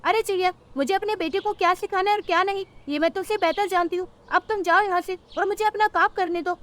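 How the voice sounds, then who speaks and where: A woman's voice: extremely high pitch, fairly even intonation, fast talker, fairly bright tone, pitched above the performer's own voice. A woman voicing a bossy, scheming mother crow in a cartoon who talks in a scolding, dismissive way.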